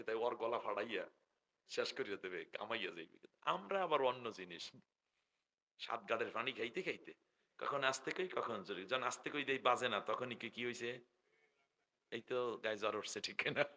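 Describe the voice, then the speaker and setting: A middle-aged man with a Bangladeshi Bengali accent, preaching loudly through a stage microphone at a public gathering, joking with the crowd and drawing out his call phrases. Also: medium pitch, animated. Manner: loud, joking, drawn-out chanting of call phrases. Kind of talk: live sermon with crowd call-and-response. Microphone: stage microphone through loudspeakers.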